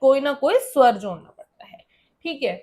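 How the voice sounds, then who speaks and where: A woman's voice: sits high, animated, moderate pace, a little mellow. A woman teacher explaining a school lesson, often asking students a question and then answering it herself.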